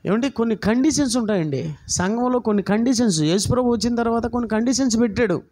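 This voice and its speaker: A man's voice: very high voice, quick pace, warm tone, a little hiss or hum. A man preaching a sermon as a pastor, passionate and full of rhetorical questions put straight to the listeners. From Andhra Pradesh, India. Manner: impassioned, rhetorical questions, addresses listeners directly.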